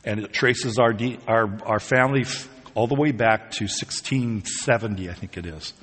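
A man with a husky, breathy voice preaches in a church hall. His words ring out with a long reverb tail as he moves from easy conversational asides to emphatic, rising declarations. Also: on the low side, moderate pace, fairly bright tone. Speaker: pastor. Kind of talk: sermon.

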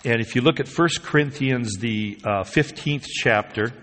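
A man's voice: mid-range voice, measured pace, fairly bright tone, in a large hall. A man preaching a sermon, talking conversationally and rising to emphatic peaks. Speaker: pastor.

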